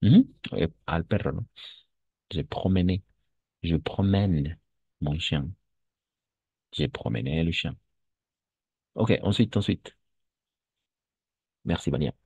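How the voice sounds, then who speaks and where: Male language teacher, very low dark voice, dry lo-fi sound. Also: vocal fry, slightly rough, no echo. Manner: slow, patient, repeats phrases and switches to Spanish. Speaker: French teacher. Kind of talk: online French lesson for Spanish speakers.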